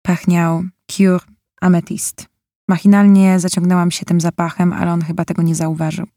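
A woman's voice: on the low side, level tone, normal speed, dark tone, no room sound, clean studio sound. A young woman narrating a novel in the first person, in an emotional, bitter way. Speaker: audiobook narrator.

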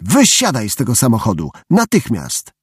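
A man voicing a stern mother scolding her young son in an audiobook, with sharp commands. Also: mid-range voice, sing-song, slow pace, dry recording, studio quality.

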